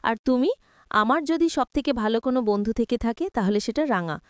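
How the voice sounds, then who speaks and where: A woman's voice: on the high side, expressive, brisk, clean tone, no room sound, clean studio sound, lightly acted. A woman voicing a heartfelt, emotional young bride in a storybook retelling of a TV serial.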